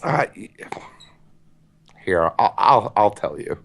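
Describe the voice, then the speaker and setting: A man from the Boston area co-hosting a podcast, with a light Boston accent, talking in a halting, hesitant way. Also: lowish voice, animated, creaky. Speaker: podcast co-host. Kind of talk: casual chat.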